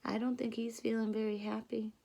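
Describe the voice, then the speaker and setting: Reading a children's storybook in a teacherly, expressive way, this thirties-aged woman pauses to explain and pose questions. Her voice sits a little high, with a level, gravelly, dark tone.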